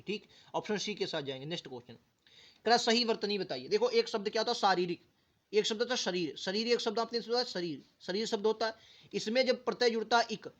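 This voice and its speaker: In dull-sounding audio, a man with a high-pitched voice teaches grammar for an upcoming exam. He repeatedly asks his students questions and sounds out each word syllable by syllable as he drills it.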